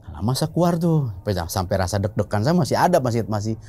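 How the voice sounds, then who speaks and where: A man telling a ghost story in a chatty, excitable way, full of little fillers. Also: on the low side, fast talker, a little hiss or hum. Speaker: guest storyteller. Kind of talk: casual spoken ghost story.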